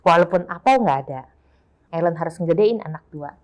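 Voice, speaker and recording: A woman's voice: lowish voice, moderate pace. Woman sharing a heartfelt testimony. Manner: emotional, repeats herself, quotes others in lively voices. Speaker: guest sharing her testimony. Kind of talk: casual personal testimony.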